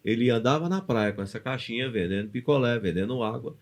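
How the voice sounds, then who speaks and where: A man's voice: medium pitch, a little fast. A man with a Brazilian Portuguese accent co-hosting a motivational podcast, telling stories and asking rhetorical questions in casual chat. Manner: animated storyteller, rhetorical questions. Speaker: podcast co-host.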